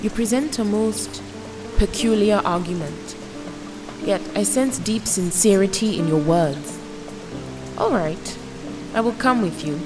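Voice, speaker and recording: A woman's voice: mid-range voice, lively intonation, close to an everyday voice. A woman playing a regal, solemn young storm goddess in an audio drama, speaking in a stately, formal way. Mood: thoughtful. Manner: stately, formal, deliberate speech. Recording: loud music and rain behind.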